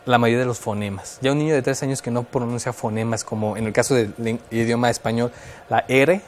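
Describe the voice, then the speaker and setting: A man's voice: medium pitch, steady tone, quick pace, slight background noise. Mexican man explaining child development. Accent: Mexican Spanish. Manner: thoughtful, explains with many fillers and restarts. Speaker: guest expert on child development. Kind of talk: explanatory radio talk.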